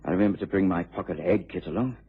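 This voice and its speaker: An actor playing an obliging, bluff English gentleman doctor in a vintage radio drama, with a hesitant, exclamatory manner. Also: low voice, quick pace, creaky, husky, heavily acted. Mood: businesslike. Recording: muffled old radio drama recording.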